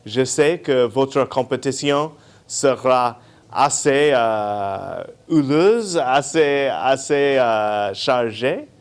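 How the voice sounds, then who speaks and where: Man, official giving a short address; slow, deliberate, hesitant non-native French. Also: medium pitch. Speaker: embassy official giving a speech.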